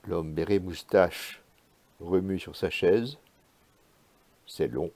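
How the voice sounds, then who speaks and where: A man reading his own literary prose aloud in a measured, hushed, spare way. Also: deep voice, dry recording.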